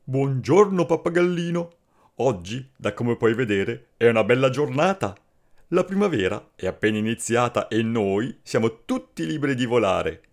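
A man doing a cheerful encouraging swallow, lively, gravelly, slightly raised pitch, storybook. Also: normal speed, close to an everyday voice. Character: friendly confident female swallow, encouraging.

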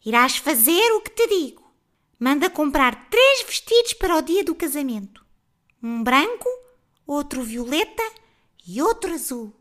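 A piercing, very high old witch woman talks in a slow, drawn-out cackle. Her voice is bright and sharp, with wild leaps up and down. She sounds old and bossy but not unkind. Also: sing-song, exaggerated voice. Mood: commanding.

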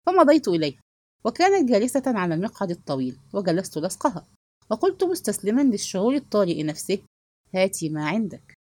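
A woman giving an expressive literary narration of a novel as an audiobook reader. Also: medium pitch, quick pace, no room sound.

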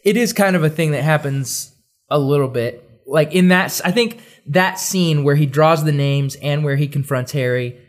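A man co-hosting a casual podcast chat, animated and acting out quotes as he talks. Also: a little high, normal speed.

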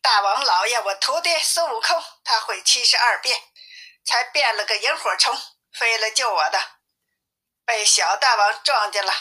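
A woman voicing a timid, gentle male monk who speaks in a trembling, pleading way. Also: fairly high pitch, expressive, normal speed, low-quality recording.

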